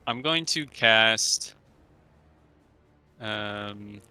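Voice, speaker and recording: A man's voice: on the low side, extremely slow, pushed and bright, faint music behind. A man playing a tabletop game, talking casually and hesitantly as he works out his move.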